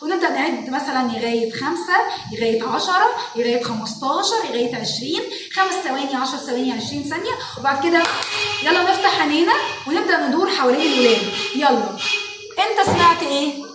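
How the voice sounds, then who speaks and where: An Egyptian woman, a parenting educator and show host, explaining classroom activities to parents in an animated way and acting out what children say. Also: high-pitched, quick pace, background noise. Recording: echoey room, mic at a distance.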